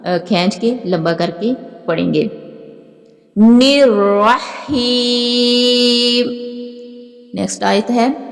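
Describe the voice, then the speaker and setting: A woman teaching Quran recitation, explaining pronunciation and then reciting verses slowly with long drawn-out, melodic vowels. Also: medium pitch, gravelly, darkish tone, long reverb tail. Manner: slow and deliberate, stretching recited words melodically. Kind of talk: slow recitation lesson with explanations.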